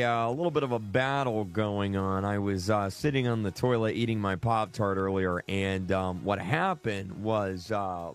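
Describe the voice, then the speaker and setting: A man's voice: mid-range voice, fairly bright tone. Rambling man chatting with his viewers. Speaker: gaming channel host. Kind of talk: casual chat on a stream.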